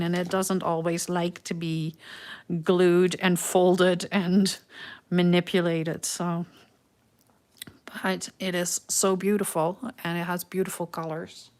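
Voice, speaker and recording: With a Dutch accent and a lowish, darkish voice, this middle-aged woman from the Netherlands hosts a craft livestream. She talks to viewers slowly and musingly, using frequent ums, and her delivery stays flat.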